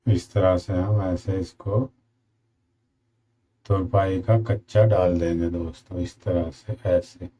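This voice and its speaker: A man with a slightly sore throat gives a slow, repetitive step-by-step sewing tutorial as a tailoring instructor. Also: deep voice, level tone, mellow, a little hiss or hum. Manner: slow, repetitive instructions addressing viewers as friends.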